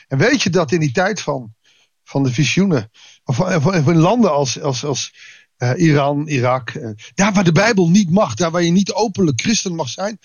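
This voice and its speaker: A man reads a Bible passage and comments on it in a casual, talky way, often restarting his sentences. His voice sits a little high for a man. The sound is dry and close, with no room echo. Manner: conversational, with frequent restarts and asides. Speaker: preacher. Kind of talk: Bible reading with devotional commentary.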